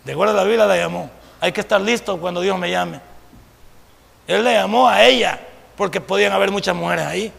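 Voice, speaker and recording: A male pastor preaching a sermon, swinging between loud declarations and quiet asides and putting rhetorical questions to the congregation. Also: high voice, fairly quick, creaky. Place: church sanctuary. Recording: long reverb of a church hall.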